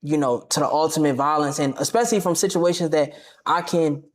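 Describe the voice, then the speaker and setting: Brief: young male streamer guest, lively slangy delivery, mid-pitch. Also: a little fast. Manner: animated, confrontational, slangy. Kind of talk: casual interview talk.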